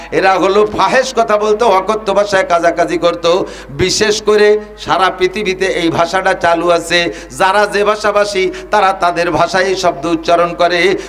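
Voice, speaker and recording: High-voiced impassioned male preacher. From Bangladesh. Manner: impassioned, rising to loud cries; chants Arabic verses. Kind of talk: Bengali waz sermon.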